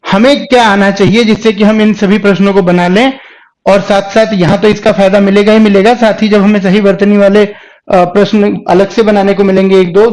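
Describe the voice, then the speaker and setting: A man teaching a Hindi grammar class. He asks questions and answers them himself, and repeats words slowly to show how they are pronounced. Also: high-pitched, darkish tone. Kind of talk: classroom lecture.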